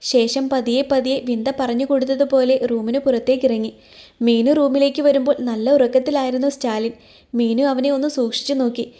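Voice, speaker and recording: Mellow-voiced woman reading a love story. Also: sits high. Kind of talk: scripted narration of a romance story.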